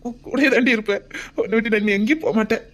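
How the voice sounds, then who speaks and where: A woman's voice: a little high, very fast, lightly acted. A woman with a Tirunelveli Tamil accent voicing a doting young husband and father-to-be, tender and pleading, often near a whisper. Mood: earnest. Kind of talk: homemade web drama.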